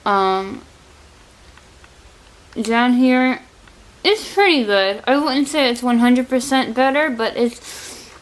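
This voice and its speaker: A woman's voice: a little high, animated, takes it slowly, long pauses, slight background noise, rough recording. A woman chatting casually in a vlog, speaking with a sore, stiff jaw that barely opens and a partly numb mouth after surgery. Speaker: vlogger sharing surgery recovery. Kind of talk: casual chat.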